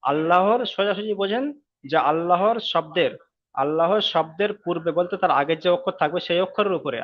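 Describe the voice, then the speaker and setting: A man's voice: a little high, muffled recording. A man teaching Quran reading in an online class, explaining each rule step by step, repeating it, and drawing out the recited example words.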